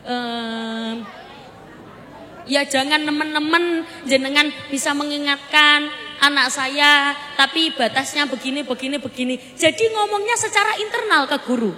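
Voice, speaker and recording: High, bright-voiced woman preacher. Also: unhurried. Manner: lively, jokey, quizzing the audience. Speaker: Islamic preacher. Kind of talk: humorous village sermon. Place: village gathering. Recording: reverberant PA with faint crowd and noise.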